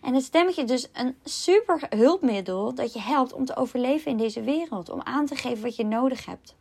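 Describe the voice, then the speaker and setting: Woman, life coach, calm explaining podcast talk, slightly high, gravelly. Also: a little fast. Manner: calm, explanatory, self-mocking asides. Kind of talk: solo podcast monologue.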